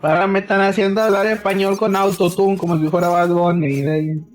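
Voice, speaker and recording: A man's voice: high-pitched, level tone, fairly quick, soft background music. A male gaming streamer chatting casually in an exaggerated Dominican Spanish accent, playfully switching between English and Spanish. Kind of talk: casual live-stream chat.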